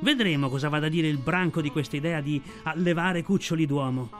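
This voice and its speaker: A man's voice: on the high side, a little fast, faint music behind, close to an everyday voice. A man voicing a menacing, arrogant male tiger in an audiobook, boastful and snarling. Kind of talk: audiobook reading.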